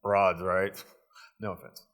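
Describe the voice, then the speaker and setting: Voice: low voice, flat delivery, slow pace, a bit bright. An actor playing a boastful, cheesy late-night horror host in a campy comedy skit, rambling and self-promoting. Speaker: guest horror movie host.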